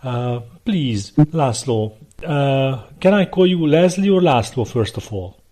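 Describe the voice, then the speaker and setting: A man hosts a history podcast in a warm, mid-range, expressive voice, taking his time. He delivers a scripted intro and interview questions formally and earnestly, with some hesitant fillers when asking.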